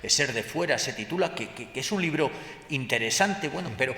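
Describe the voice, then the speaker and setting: A man's voice: medium pitch, expressive, a little fast, sharp tone. A man moderating a panel discussion, hesitant and full of fillers and restarts, in a large hall. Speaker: moderator of a round table. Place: large hall at a book fair. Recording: roomy hall with long reverb.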